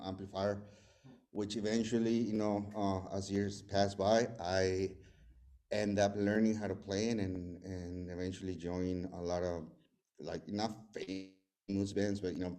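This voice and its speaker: Sharing a recovery testimony at a meeting, a man in his 40s from El Salvador speaks in a low, mellow voice with a Salvadoran Spanish accent, Spanish being his first language. He comes across nervous and unsure, filling gaps and restarting often.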